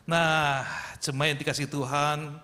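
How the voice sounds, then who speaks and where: A man preaching a sermon as pastor, lively and acting out quoted voices as he addresses the congregation. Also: fairly high pitch, a little slow. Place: church sanctuary. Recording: echoey church hall.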